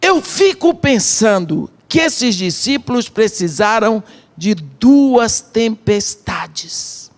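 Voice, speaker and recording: A middle-aged woman with a Brazilian Portuguese accent delivers a sermon at an unhurried pace. She builds the story in short phrases with dramatic pauses, like a missionary speaking to a congregation. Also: on the high side, sing-song. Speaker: missionary preacher.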